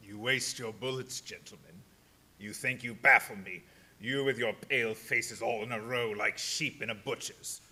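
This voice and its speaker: An actor playing a menacing, taunting vampire count in a live radio play, speaking in slow, ominous threats. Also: male voice, mid-range voice, steady tone, noisy background, natural voice. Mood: taunting, triumphant.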